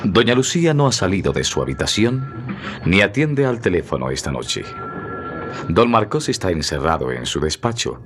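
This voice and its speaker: An actor playing a solemn, emotive storyteller, reading scripted narration for a romantic melodrama. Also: male voice, deep voice, noisy background.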